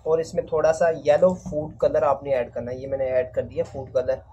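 A man walks through a home recipe in a calm, unhurried way, his voice sitting at a middle pitch. It is a home recording with steady, clearly audible noise underneath. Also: rough recording. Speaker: cooking channel presenter. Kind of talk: step-by-step recipe narration.

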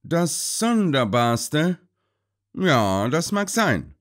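A man voicing a calm, shrewd detective who talks in a measured, thoughtful way. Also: fairly high pitch, voice pushed up.

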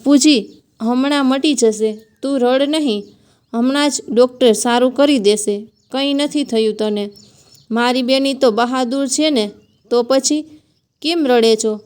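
A woman's voice: sits high, a little slow, darkish tone, smooth. A woman voicing a caring older brother, soothing and teasing. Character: caring older brother comforting his little sister.

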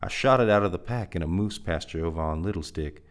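Gruff, stubborn backwoods trail man with a low voice and folksy drawl, read by a man. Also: fast talker, natural voice. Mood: grim. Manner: folksy backwoods drawl, hot-tempered outbursts. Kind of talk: dramatic reading.

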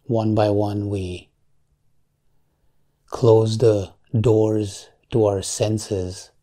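A man with a lowish voice guides a meditation calmly and in a measured way, with long pauses between short phrases.

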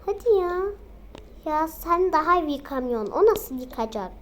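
A child voicing an easygoing father who answers calmly and dryly. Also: high voice, moderate pace, a little hiss or hum. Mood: teasing.

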